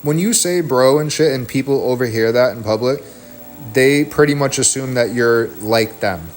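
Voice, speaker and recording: A man's voice: mid-range voice, moderate pace, a little hiss or hum. A man streaming from home, delivering a heated, profane, rambling rant into a desk mic. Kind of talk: ranting stream talk.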